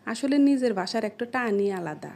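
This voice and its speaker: A woman with a Sirajganj Bengali accent talks in a relaxed vlog style, setting standard phrases next to their local versions. Her voice sits a little high, and she sounds chatty and proud of her local speech. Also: moderate pace, vocal fry. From Sirajganj, Bangladesh. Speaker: video creator. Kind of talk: casual vlog teaching dialect phrases.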